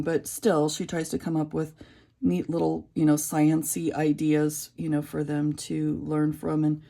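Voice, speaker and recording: Coloring as she chats, this middle-aged creator speaks in a dark, mellow voice that's low and raspy with some gravel to it. Her talk is loose and rambling, peppered with fillers and false starts.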